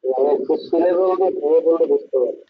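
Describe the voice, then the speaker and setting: A male student speaks slowly and deliberately in an online class. His fairly high voice sounds husky through thin, phone-like call audio. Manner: slow, deliberate.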